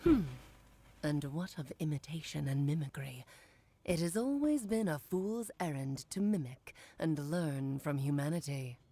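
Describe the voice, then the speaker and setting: A woman's voice: sits low, lively intonation, a little slow, warm tone, exaggerated voice. An actress playing a playful, worldly mage mother in a video game, with a theatrical storytelling manner. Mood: haughty, mock-grand.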